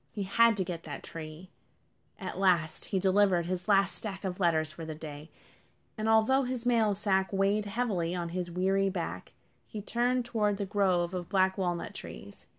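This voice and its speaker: A woman narrating a children's storybook, gentle and speaking to the listeners directly. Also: mid-range voice.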